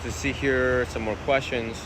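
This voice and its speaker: A man from Vietnam, a Buddhist monk, answering viewers' questions in a relaxed, conversational way outdoors by the ocean, recorded on a phone. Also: mid-range voice, measured pace. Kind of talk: casual outdoor Q&A talk. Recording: phone recording with wind and surf noise. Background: ocean waves and wind.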